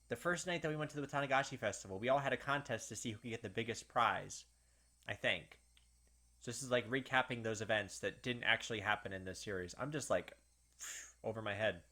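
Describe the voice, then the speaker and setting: Reading visual novel lines aloud, then breaking into lively, baffled commentary, this let's-play host guesses at the plot and mimics the characters. His voice is mid-range and brisk, with game music playing behind him.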